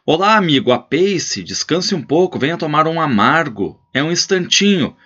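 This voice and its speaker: A man voicing a talkative, hospitable old rancher who insists loudly, in a storybook reading. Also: a little high, big pitch swings, moderate pace, husky, voice pushed up, heavily acted. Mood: insistent, booming. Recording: slightly muffled lo-fi recording.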